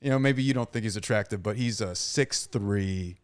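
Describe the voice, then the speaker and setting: A young man on a casual podcast, retelling a story in a crude, animated way with lots of swearing. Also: lowish voice, normal speed, clear, resonant tone. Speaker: podcast co-host.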